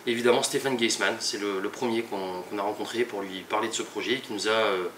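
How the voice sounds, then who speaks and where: A young man with a lowish voice presents a project, halting and restarting as he goes. He sounds some distance from the mic, in a room with a noticeable echo, with faint ambience behind him. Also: fairly even intonation, fairly bright tone, slight background noise. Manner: many fillers and restarts, halting. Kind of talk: hesitant spoken presentation.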